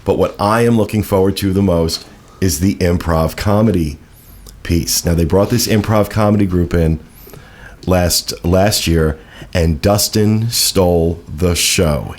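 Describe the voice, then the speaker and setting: A man hosting a casual podcast, chatty and reading out event listings with quick asides. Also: sits low, a little mellow. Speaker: podcast host.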